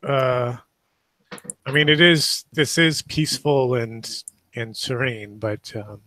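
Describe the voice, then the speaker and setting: A man acting as game master, describing scenes in a tabletop game at an easy, halting pace with fillers. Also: mid-range voice, steady tone, pushed and bright, no echo.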